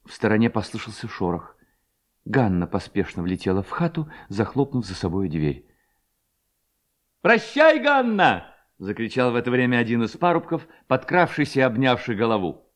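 Man narrating an audiobook story, dramatic, pitch all over the place. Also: lively intonation, a little fast. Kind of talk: expressive audiobook reading of a classic story.

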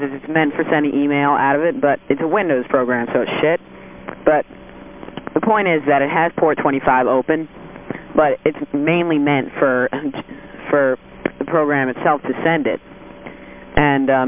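A man leaving a casual, rambling message from a payphone, full of ums and uhs. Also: medium pitch. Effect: payphone call. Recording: tinny noisy payphone line.

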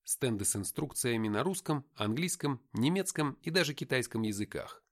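Expressive male audiobook narrator. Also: medium pitch, moderate pace. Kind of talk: first-person audiobook narration.

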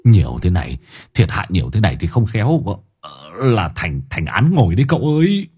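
A man voicing a gruff, coarse henchman who grumbles and curses in a deep, dropped voice. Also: very animated, fairly quick, a little mellow, heavily acted.

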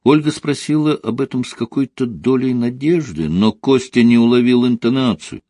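A man reading a story aloud as narrator, in an expressive storytelling manner. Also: medium pitch, moderate pace, no room sound, studio quality. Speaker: audiobook reader. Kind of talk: scripted narration.

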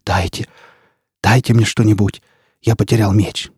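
A man's voice: on the low side, steady tone, unhurried, a little mellow, dry recording, clean studio sound. A man voicing a frantic, wounded mercenary. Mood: panicked. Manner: hoarse, frantic.

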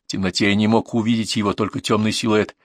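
A man's voice: lowish voice, level tone, quick pace, dry recording. A man narrating a first-person audiobook in a tense, dramatic way, recorded in a dry booth.

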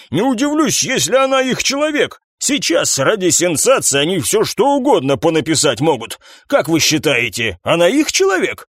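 A man voicing an irascible old police captain near retirement, yelling hoarsely in a storybook reading. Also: high-pitched, no room sound, clean studio sound, voice pushed up, full character voice. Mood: grumbling.

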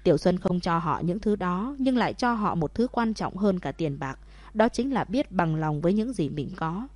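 A woman's voice: on the low side, expressive, moderate pace, a little mellow, no room sound. Woman reading as a firm, assured young man. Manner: firm, certain.

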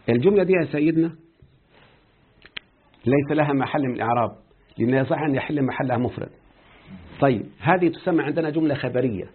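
Husky Egyptian teacher on tinny audio. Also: male voice, on the high side. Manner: questioning his students as he explains. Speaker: Arabic grammar teacher. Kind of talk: explaining a grammar text in class.

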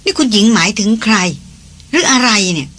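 A man's voice: high-pitched, very animated, a little fast, pushed and bright, breathy edge, heavily acted. A reader playing a seasoned male jungle hunter who speaks politely and plainly. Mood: calm.

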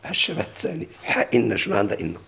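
A man's voice: medium pitch, sing-song, racing, creaky, a bit bright. A man with a Moroccan Arabic accent teaching a classical grammar lesson. He keeps asking his class questions and then answering them himself.

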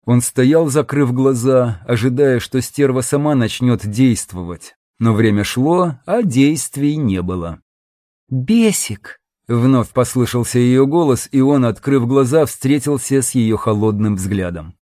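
A man's voice: mid-range voice, a little slow, few pauses, mellow, no room sound. Man narrating an audiobook, dry close sound. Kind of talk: scripted narration.

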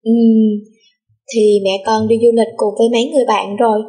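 A woman's voice: fairly high pitch, flat delivery, moderate pace, dark tone, lightly acted. A woman voicing a middle-aged wealthy father in an audiobook, affectionate but hesitant. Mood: doting.

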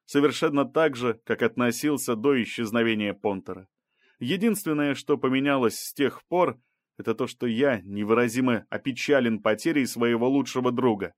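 A man's voice: mid-range voice, normal speed, dry recording, studio quality, close to an everyday voice. A man reading an audiobook, voicing a male scientist on trial who protests and pleads his case. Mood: restrained.

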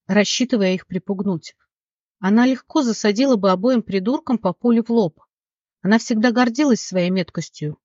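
A mid-pitched audiobook narrator delivers a fantasy novel in a steady, dramatic manner. The recording is dry and close, without room sound, and its top end is slightly dull and muffled.

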